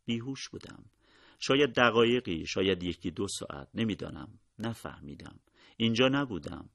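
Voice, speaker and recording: Deep raspy guy reading a war story, slow steady telling, dry close sound. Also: no room sound. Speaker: narrator. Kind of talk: audiobook narration of a war memoir.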